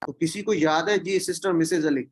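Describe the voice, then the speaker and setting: A man teaching an online Quran lesson, asking the class questions and repeating key words. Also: fairly high pitch.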